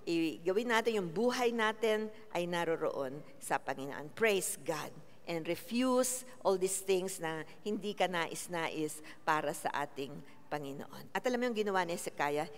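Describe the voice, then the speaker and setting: A woman's voice: high voice, sharp tone. A woman pastor with a Filipino accent, preaching in a casual mix of Tagalog and English and calling on the congregation for amens. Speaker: senior pastor. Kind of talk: sermon with congregational worship. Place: large church hall. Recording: church hall reverb.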